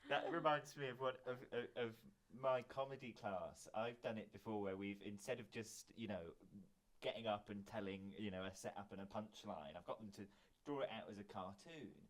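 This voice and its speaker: A comedy teacher telling a funny classroom story in a casual chat, animated and laughing loudly. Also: medium pitch, normal speed. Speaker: podcast guest, comedy teacher.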